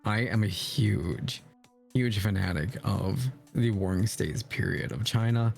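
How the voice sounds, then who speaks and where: A man with a deep, raspy voice answering in casual interview chat, halting and reserved. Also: a little mellow. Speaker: podcast guest, VTuber streamer. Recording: music behind the voice. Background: background music.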